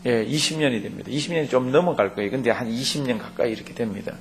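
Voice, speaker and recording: A man's voice: medium pitch, rapid-fire, slight background noise. A man, a pastor, teaching a Bible study class, reading verses aloud and explaining them conversationally while asking the class questions. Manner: asks the class questions and leads group reading.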